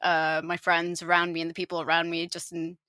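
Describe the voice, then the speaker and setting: A bright-voiced woman in her late twenties, born in Finland, whose international-school accent sounds nearly American. She talks as an interview guest in a chatty, self-deprecating way. Her voice is close and dry, with no room behind it. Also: lowish voice, completely flat delivery, fairly quick, dry recording. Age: 20s. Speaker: podcast co-host, guest. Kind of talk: casual interview chat.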